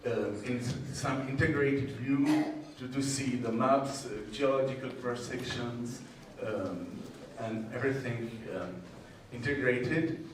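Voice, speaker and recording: A man from the Czech Republic with a Czech accent gives a technical conference presentation in a hesitant, halting manner with frequent pauses. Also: medium pitch, crowd noise. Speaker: conference presenter, university groundwater modeler. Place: indoor presentation room with strong echo. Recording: echoey hall, distant mic, faint noise.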